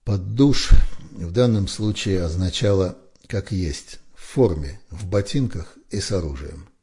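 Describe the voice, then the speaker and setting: Low, husky male audiobook narrator. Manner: steady, measured storytelling. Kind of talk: scripted narration.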